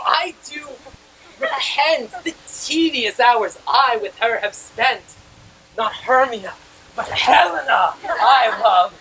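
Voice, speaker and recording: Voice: mid-range voice, pushed and bright, a little hiss or hum, full character voice, poor audio. A teenage actor playing a rash young male lover, declaiming Shakespearean verse on stage. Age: teens. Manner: declaiming verse, swings from tender to fiery.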